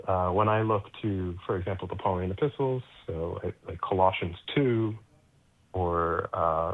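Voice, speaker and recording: An American man from Connecticut phones in with a question, sounding hesitant and full of fillers yet scholarly. His voice is low, with no room sound, carried over a tinny phone line.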